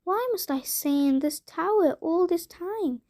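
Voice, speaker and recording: A woman's voice: very high-pitched, animated, measured pace, mellow, voice pushed up, full character voice. A woman voicing a curious, restless young girl who questions why she must stay inside. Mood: wistful. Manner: wistful, questioning.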